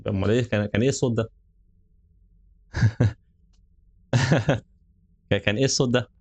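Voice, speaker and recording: A man's voice: mid-range voice, fairly even intonation, normal speed, darkish tone, slightly rough, no echo. A young man with an Egyptian Arabic accent, giving jokey, nervous commentary while playing a horror game. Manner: jokey, nervous, laughs often. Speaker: gaming channel host. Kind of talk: let's play commentary.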